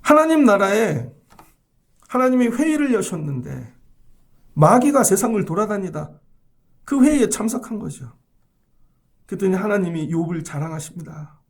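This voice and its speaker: Male pastor, sermon delivery: emphatic, rhetorical questions, high gravelly voice. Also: very animated, normal speed, pauses often.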